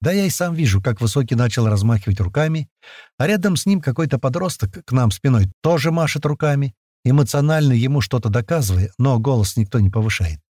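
A man narrating a first-person audiobook in a lively, slangy, conversational way. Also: mid-range voice, fast talker, dry recording, studio quality.

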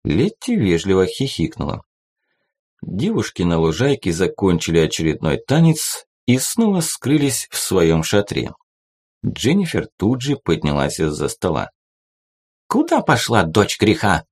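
Audiobook narrator, man, very low voice, lively intonation. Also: a little slow, husky. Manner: expressive, storytelling. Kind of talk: scripted narration.

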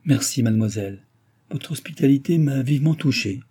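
Guy putting on a regal young princess voice, brisk and bossy but kind, mellow and husky. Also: mid-range voice, lively intonation, pitched above the performer's own voice. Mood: gracious, commanding. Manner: brisk, imperious, graciously warm. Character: young royal dauphine, gracious yet commanding woman. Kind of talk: audiobook character reading.

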